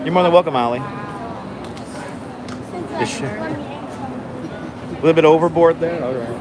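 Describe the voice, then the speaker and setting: This man's voice sits fairly high, and he takes his time as he chats calmly with viewers during a casual phone live stream. He enunciates carefully while queuing on a city street, with traffic and street noise making the outdoor recording noisy.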